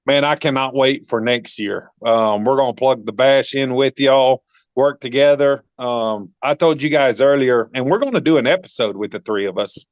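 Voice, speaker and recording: A man hosting a podcast in a chatty, casual way, with lots of ums and repeated words, his voice jumping up when he gets excited. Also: mid-range voice, normal speed, no room sound, highs cut off. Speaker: podcast host. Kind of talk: casual interview chat.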